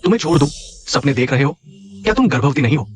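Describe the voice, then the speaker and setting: A man's voice: medium pitch, expressive, quick pace, close to an everyday voice. An actor playing a threatening male thug in a dubbed short drama, taunting and cruel. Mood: menacing. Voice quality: menacing, taunting. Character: threatening male thug, ex-lover turned hired killer.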